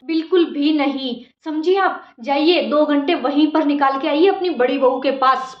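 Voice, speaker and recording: A woman's voice: high-pitched, normal speed, a little hiss or hum, natural voice. A woman playing a curt, sarcastic younger daughter-in-law who scolds her mother-in-law, in an amateur family drama. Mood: scolding. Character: sharp-tongued younger daughter-in-law, spiteful. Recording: echoey room, dull lo-fi sound.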